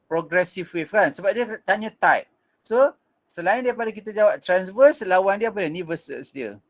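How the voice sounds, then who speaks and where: A man's voice: high-pitched, lively intonation, moderate pace. A Malaysian man teaching an online physics revision class, mixing in English, with frequent fillers and restarts.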